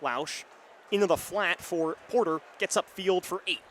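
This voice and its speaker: This young radio announcer delivers play-by-play for an American football game with a high, slightly bright voice at a measured pace. Background noise from the stadium crowd and the open air comes through clearly from his booth.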